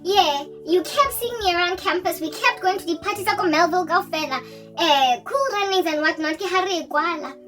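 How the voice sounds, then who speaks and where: A South African woman in her forties, telling a story in an animated way and laughing often as she talks. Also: very high voice, moderate pace, recorded from a distance, soft background music. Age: 40s. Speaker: vlogger. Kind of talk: casual storytelling.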